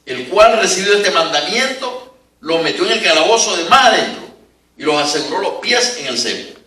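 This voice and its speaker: An older man preaching an animated sermon in a church, with chuckling asides. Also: high voice, moderate pace. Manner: animated, rising to emphatic peaks, chuckling asides. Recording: echoey church from a distance.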